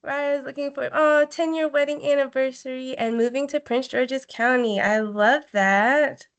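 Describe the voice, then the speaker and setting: Upbeat high-voiced woman reading chat. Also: fairly even intonation, measured pace, highs cut off. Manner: upbeat, encouraging, reads chat replies aloud. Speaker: meeting co-facilitator. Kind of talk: casual online meeting chat. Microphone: video call.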